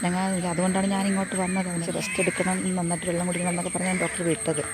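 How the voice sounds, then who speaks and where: Hoarse woman vlogging fast outdoors. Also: lowish voice, level tone, heavy background noise. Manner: chatty and rambling, repeats phrases. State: hoarse, losing voice. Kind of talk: casual walking vlog. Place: outdoors on a rural path. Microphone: phone front camera at arm's length.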